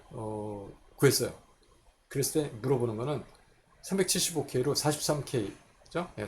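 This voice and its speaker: A man lectures on chemistry in a medium-pitched, gravelly voice. He works through each equation step by step and answers his own questions as he goes. A faint hiss sits under the recording. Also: darkish tone.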